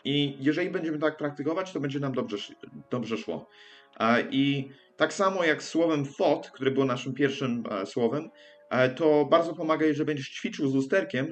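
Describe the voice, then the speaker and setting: A man teaching an English pronunciation lesson, talking haltingly with frequent hesitations and self-corrections, and repeating sounds aloud to demonstrate them. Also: mid-range voice.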